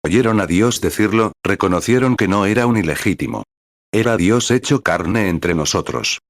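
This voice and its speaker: A man reading a translated sermon aloud in a steady, measured way, calling out verse and paragraph numbers as he retells scripture stories. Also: fairly low pitch, no echo, clean studio sound. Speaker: sermon reader.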